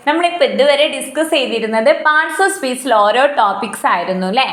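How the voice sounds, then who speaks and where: A woman with a Malayali accent teaching English grammar, reading definitions aloud slowly and asking the listener questions. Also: high voice, animated, a bit bright, reverberant. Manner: repeats points and asks the listener questions. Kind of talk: explanatory lesson with slow read-aloud definitions.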